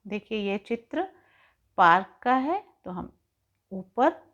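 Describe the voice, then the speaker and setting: A woman teacher giving a recorded lesson to young pupils, slowly spelling out and stretching sounds to show how words are said. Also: medium pitch, sing-song, a bit bright. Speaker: primary school teacher. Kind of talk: slow, carefully articulated recorded lesson. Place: home, recording an online class. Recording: dull lo-fi recording.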